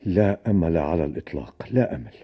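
An actor with an Egyptian accent playing a gloomy, despairing friend in a radio drama, talking wearily. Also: male voice, sits low, very animated, quick pace, slightly rough, full character voice. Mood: hopeless. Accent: Egyptian Arabic. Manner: weary and hopeless. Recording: dull lo-fi radio recording.

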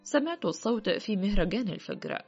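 A woman's voice: medium pitch, animated, fast, darkish tone, breathy edge. A woman voicing a fervent young male prince who insists on his visions, in an earnest voice. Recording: muffled with faint music.

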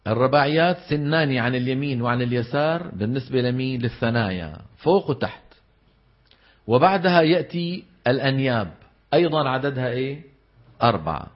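A man's voice: medium pitch, expressive, a little fast. A man with a Levantine Arabic accent teaching Quran recitation in a classroom lecture, putting questions to the class and answering them himself and stressing the exact vowels of terms. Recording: dull lo-fi lecture recording.

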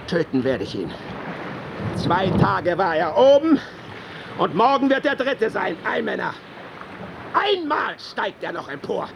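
An actor playing an obsessed, vengeful old whaling captain in a radio drama, barking orders and brooding theatrically. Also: male voice, sits high, sing-song, a little slow, creaky, long pauses, full character voice. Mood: vengeful, fierce. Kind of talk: German radio drama acting. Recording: noisy sea ambience with boat sounds.

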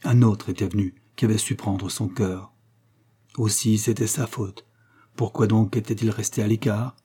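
Guy reading an old novel out loud, kinda husky, slow and careful. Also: fairly low pitch, steady tone. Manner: measured, literary reading. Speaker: audiobook narrator. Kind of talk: scripted narration of a novel.

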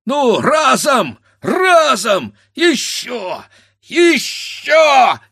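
A man's voice: fairly low pitch, lively intonation, unhurried, a bit bright, no echo, clean studio sound, exaggerated voice. A man reading a storybook voices an old village grandfather who grumbles and exclaims to himself. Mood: shouting.

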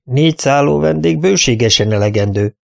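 A man's voice: mid-range voice, expressive, creaky, darkish tone, voice pushed up. Man reading as a stern, bossy old spinster. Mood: curt. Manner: curt, commanding.

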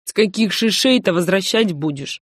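A woman's voice: mid-range voice, animated, moderate pace, slightly rough, dry recording, studio quality. A woman voicing a bitter aggrieved older wife. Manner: loud, aggrieved, scornful. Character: bitter aging wife, tearful then threatening.

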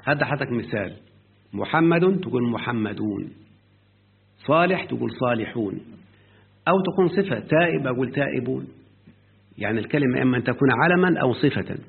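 A man with an Egyptian Arabic accent teaches grammar in an animated, mid-range voice that is gravelly and husky. He keeps quizzing his student while explaining and stretches out his quotations. The line sounds tinny and lo-fi, like a phone.

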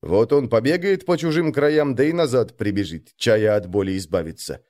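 A man's voice: mid-range voice, expressive, normal speed, darkish tone, lightly acted. A man voicing a blunt, irritable wandering shaman who drawls and speaks sternly.

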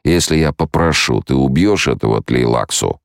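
A man's voice: a bass voice, lively intonation, moderate pace, vocal fry, no echo, clean studio sound, exaggerated voice. Man doing a stern blind young ruler.

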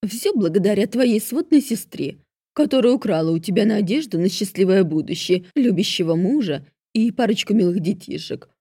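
A woman's voice: mid-range voice, big pitch swings, measured pace, gravelly, few pauses, dark tone, husky, no room sound, clean studio sound, heavily acted. Woman playing a harsh cruel stepmother. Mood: mocking. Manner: harsh, barking orders. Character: cruel stepmother, stout middle-aged woman, domineering.

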